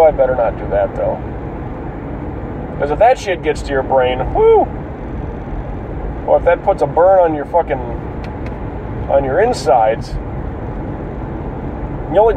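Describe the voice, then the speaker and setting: A somewhat high-voiced man chats casually while congested with a cold, his voice crackling and breaking as he goes. He rambles in a halting, sweary way. The recording is dull and a bit distant from the mic, with clear vehicle noise around him. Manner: colloquial, profane, halting. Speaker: podcast host. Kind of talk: casual rambling solo chat.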